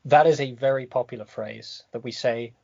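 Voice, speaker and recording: A British man hosting a casual podcast chat, dry and deadpan in his sarcasm. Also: medium pitch, moderate pace, gravelly, highs cut off, a crowd in the background. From United Kingdom. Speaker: podcast host.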